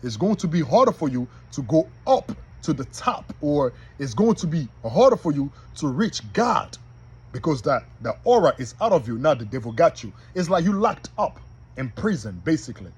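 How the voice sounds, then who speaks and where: A man's voice: on the high side, very animated, moderate pace, a little mellow, husky, rough recording. A man preaching informally to his listeners in a folksy way, often checking that they follow along. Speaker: online preacher.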